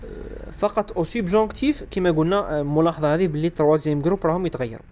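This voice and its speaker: A man's voice: fairly high pitch, racing, darkish tone, a little hiss or hum. A man with an Algerian Arabic accent explaining French grammar as an exam revision lesson, spelling out verb endings letter by letter. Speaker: French teacher.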